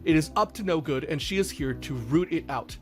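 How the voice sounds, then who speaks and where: A man narrating as game master in a tabletop game, rambling along with lots of ums and likes. His voice sits a little high for a man, with faint music behind him. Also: lively intonation, fairly quick.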